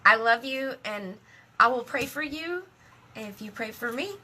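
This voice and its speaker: A middle-aged woman chatting casually on a live stream, emotional and talkative, laughing often and speaking warmly about her faith. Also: on the high side, animated, measured pace, a little hiss or hum. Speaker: live video host.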